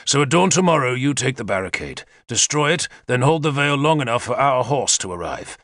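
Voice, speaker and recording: For an audiobook, a man voices a confident male war leader who eagerly lays out battle plans in a decisive, commanding way, pitching his voice above his own. The delivery is animated, fairly quick and bright, recorded dry in a clean studio.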